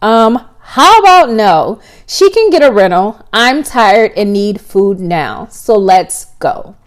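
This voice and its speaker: A woman's voice: a little high, animated, slow pace, a little mellow, clean tone. Woman voicing a demanding, bratty young woman. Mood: dismissive.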